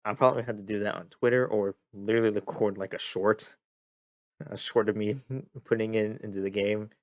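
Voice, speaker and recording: A young man hosting a casual gaming vlog, tired and a bit monotone, rambling and repeating himself as he talks. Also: on the low side, fairly quick, dry recording. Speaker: gaming video host. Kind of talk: casual talk to camera.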